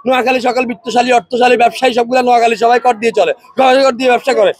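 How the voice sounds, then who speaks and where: A man with a Noakhali Bengali accent argues heatedly in a street interview, keeps repeating himself and asks whether you follow. His voice sits very high and races along. The sound is dry and close. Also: little pitch movement, racing, dry recording. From Noakhali, Bangladesh.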